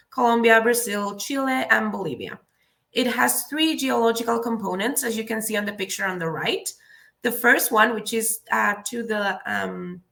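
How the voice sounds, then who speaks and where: A young woman from Peru, a student presenting in a live webinar in earnest, halting English with many fillers. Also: a little high, pushed and bright. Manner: earnest, with frequent fillers and restarts.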